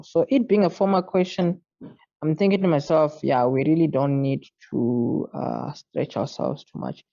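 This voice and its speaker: Gravelly, dark-voiced tutor thinking aloud. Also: male voice, fairly high pitch, highs cut off. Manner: casual, thinking aloud, muttering to himself. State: tired, yawning late at night. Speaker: maths tutor. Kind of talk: working through an exam paper out loud.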